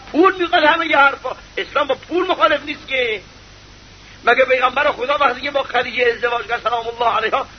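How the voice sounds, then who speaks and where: A male preacher giving an impassioned sermon full of rhetorical questions, sometimes breaking into shouts. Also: very high-pitched. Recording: slightly muffled with faint hiss.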